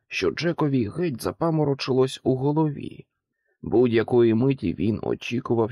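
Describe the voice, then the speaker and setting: Expressive male storybook narrator. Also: medium pitch, dry recording, studio quality. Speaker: audiobook narrator. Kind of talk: scripted narration.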